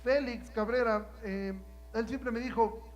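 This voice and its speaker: A man preaching a sermon, swinging from hushed, low passages to loud, climbing ones and pressing the listeners with rhetorical questions. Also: steady tone, a little slow, a little hiss or hum, poor audio.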